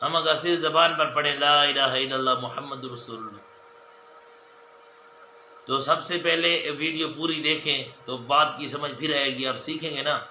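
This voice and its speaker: A man's voice: a little high, fairly even intonation, bright, forceful tone, slight background noise. A man giving a religious lesson as a mufti, counting off his points one by one and repeating them, often turning to the viewers as dear friends. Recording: echoey room with faint ambience.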